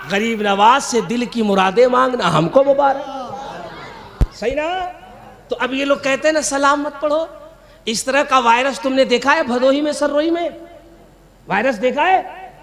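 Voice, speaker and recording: A man giving a sermon to a crowd, telling stories with mocking humor and often shouting. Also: sits high. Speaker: Islamic preacher.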